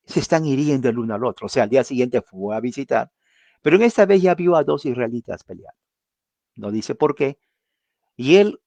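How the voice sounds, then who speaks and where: A man's voice: medium pitch, a little mellow, no echo. A man teaching a Bible passage in a conversational way, asking rhetorical questions and acting out quotes.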